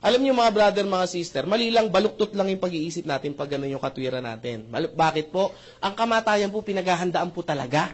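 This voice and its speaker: A man's voice: sits high, fairly quick. A man presenting a marketing plan at a seminar, joking with the crowd, speaking politely and often checking that listeners agree. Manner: joking, keeps asking the audience "tama ba?"; polite, addresses the crowd with "po" and "mga brother, mga sister". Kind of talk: lively seminar presentation mixing Tagalog and English.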